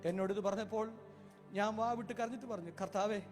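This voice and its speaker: A man from Kerala preaching a sermon as an evangelist, telling a story fervently and swelling to loud cries. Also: very high voice, fast talker, faint music behind. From Kerala, India.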